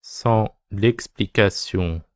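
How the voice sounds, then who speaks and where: A man's voice: fairly low pitch, very slow, no echo, studio quality. A man dictating a text as a teacher, phrase by phrase, repeating each short phrase and speaking the punctuation aloud.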